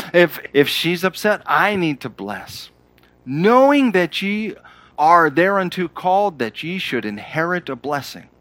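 Male pastor, middle-aged, sermon, animated pitch, slightly high voice, dry close mic. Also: no echo. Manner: conversational preaching with sudden emphatic rises.

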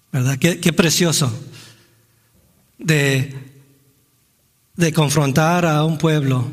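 A man preaching a sermon in a church, earnest and reflective, often restarting phrases and asking "¿no?". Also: on the high side. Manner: earnest, with frequent restarts and rhetorical "¿no?". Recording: long hall reverb.

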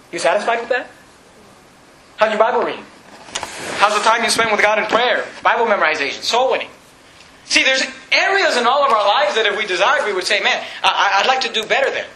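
A man preaching a sermon, earnest and repetitive, often asking the congregation questions. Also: sits high. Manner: earnest, repeats words, asks the congregation questions. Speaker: pastor. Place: church. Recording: echoey church hall.

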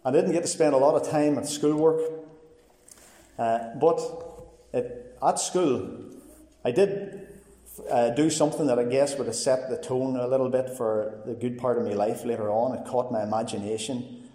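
Northern irish guy in his 40s telling his testimony, mellow voice, big echoey church hall. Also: medium pitch, steady tone. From Northern Ireland. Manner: plain, earnest, halting with restarts. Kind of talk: personal testimony. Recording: echoey hall with long reverb.

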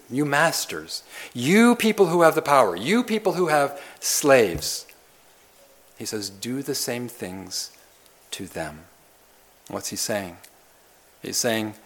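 A male pastor preaching an expository sermon, repeating phrases and asking rhetorical questions, swinging from soft low asides to loud emphatic lines.

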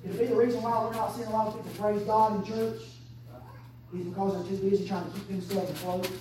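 A woman, preaching an impassioned sermon that swings between hushed and shouted. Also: medium pitch, steady tone, fast talker, slight background noise. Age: 30s. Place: church sanctuary. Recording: echoey church from far off.

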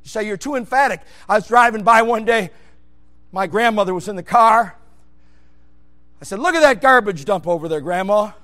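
A man preaching an emphatic Baptist sermon, swinging between loud shouted bursts and low, quiet asides. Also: lively intonation, normal speed, pauses often. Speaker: pastor.

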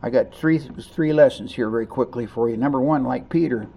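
A man's voice: mid-range voice, brisk, vocal fry, warm tone, slightly rough. A male pastor preaching a sermon in an emphatic, conversational way, stressing words with bursts of volume.

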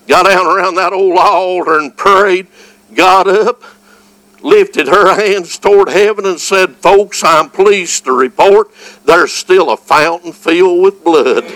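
Male preacher, Southern US accent, high-set forceful voice, folksy revival storytelling, exclamatory, slow deliberate delivery. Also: poor audio. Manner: folksy, exclamatory, swinging between quiet storytelling and shouting. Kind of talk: fervent evangelical revival sermon with storytelling.

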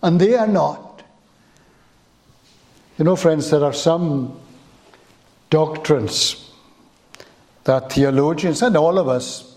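A man preaching a sermon in a church, slow and emphatic, lifting his voice on key words. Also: fairly high pitch, a little mellow.

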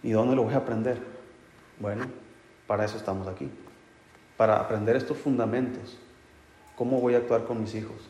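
A man's voice: on the low side, fairly even intonation, brisk, pauses often, a little mellow. A man preaching a sermon as pastor, asking the congregation rhetorical questions and answering them himself, with touches of humor. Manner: addresses listeners as brothers, light humor. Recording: echoey hall with long reverb.

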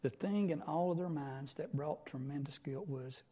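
A man's voice: on the high side, normal speed, mellow. A man preaching a sermon, emphatic and full of rhetorical questions. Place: church sanctuary. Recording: long church reverb.

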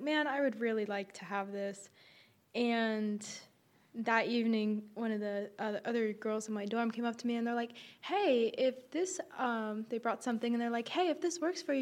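A young woman, a college student from Nepal and North Carolina, gives a sincere testimony with pauses and fillers. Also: a little high. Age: young adult. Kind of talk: spoken testimony.

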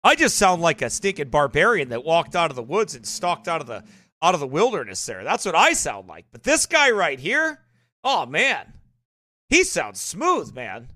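Animated, emphatic male preacher. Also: on the high side, moderate pace. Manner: animated, emphatic, folksy asides. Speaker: pastor. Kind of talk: sermon commentary.

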